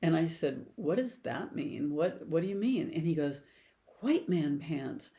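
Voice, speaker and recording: Warm, low, and expressive, this older woman's voice moves at a moderate pace as she explains past life regression therapy, her profession. She keeps it conversational and tells stories about her clients.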